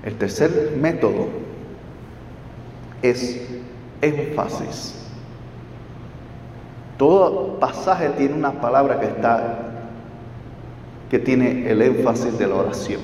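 A man's voice: medium pitch, takes it slowly, long pauses, a little mellow, a little hiss or hum. A man teaching a Bible study class, explaining step by step and checking in with his listeners through questions. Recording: roomy hall, distant mic, dull.

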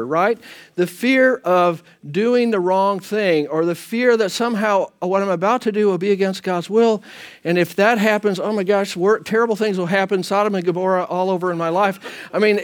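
A man's voice: high-pitched, moderate pace. A man teaching a church Bible class in an easy, conversational way, often checking in with the room. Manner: animated, chatty, often asks "right?". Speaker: pastor leading a Bible class.

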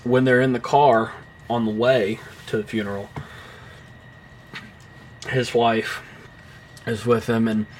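A young man co-hosting a casual film podcast, his speech full of ums, restarts and offhand swearing. His voice sits at an ordinary pitch, with a faint hum of noise behind him. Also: flat delivery, slow, long pauses. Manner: rambling, many fillers and restarts. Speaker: podcast co-host.

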